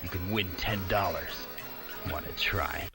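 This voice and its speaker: A man's voice: low voice, unhurried. A man playing a shady arm-wrestling promoter in a video game, with stilted, amateurish bad acting. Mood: creepy, coaxing. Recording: loud music behind game dialogue.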